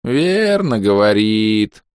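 A man voicing a lecherous old male ghost who drawls slowly in a bleating, blissful way. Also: on the low side, big pitch swings, darkish tone, clean tone, no echo, studio quality.

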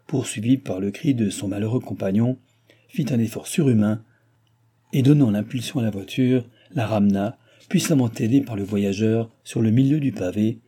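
A man reading a classic novel aloud as an audiobook narrator, in a steady dramatic way. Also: fairly low pitch, slightly rough. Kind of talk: scripted narration.

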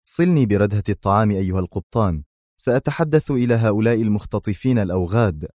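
A man's voice: lowish voice, animated, fast, no echo, studio quality, close to an everyday voice. A man voicing a stern male commando officer giving orders in a storybook reading. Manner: stern, forceful.

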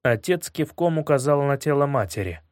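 A man reading a first-person story aloud in a measured way, dropping low and quiet on grim moments. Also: animated, no echo, clean studio sound. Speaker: audiobook narrator.

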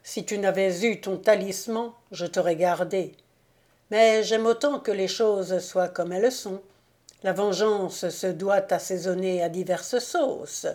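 A woman voicing a sly, ironic hunchbacked male devil in a storybook reading, speaking slowly. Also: mid-range voice, a little mellow, close to an everyday voice. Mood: mocking.

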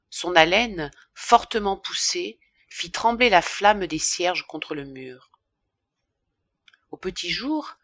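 A woman narrating a classic novel as an audiobook in a measured, even reading. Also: fairly low pitch, dry recording, muffled recording. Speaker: audiobook reader.

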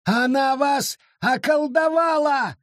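Man acting raving accuser, shrill shrieks, huge swings in pitch, husky. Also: sing-song, a little slow, no room sound, clean studio sound, exaggerated voice. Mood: frantic. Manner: shrill, frantic shouting. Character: furious grown man raving about a witch.

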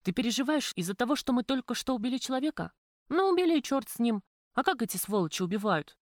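A woman voicing a sharp-tongued, defiant young woman who speaks sarcastically in raised tones in an audiobook. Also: animated, fast, no echo, studio quality, natural voice. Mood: scornful. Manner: sarcastic, pitched up and louder than the narrator.

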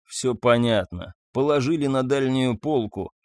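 A gloomy, worn-out father who drinks, read by a man close to his own voice. He speaks low and resigned, in a dry, close recording. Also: animated, unhurried, no room sound, close to an everyday voice. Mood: weary. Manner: tired, low, heavy sighs of resignation.

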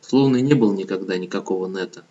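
A man reading an audiobook novel in calm, measured scripted narration, on a dull lo-fi recording. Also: low voice.

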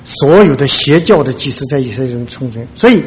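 A man preaching a sermon, retelling a story in lively fashion, acting out the characters and filling pauses with "ah". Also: mid-range voice. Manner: animated retelling, acts out the characters, frequent filler "ah".

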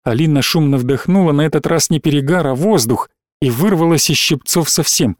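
A man's voice: on the high side, a little fast, no room sound. Man with a dry, close narration voice. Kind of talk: audiobook narration.

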